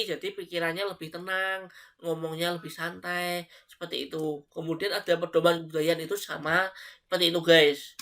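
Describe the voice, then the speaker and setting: Bright-voiced man giving a casual lecture. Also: high-pitched. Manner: casual, addresses students as guys, rhetorical questions. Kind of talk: online lecture. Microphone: live stream.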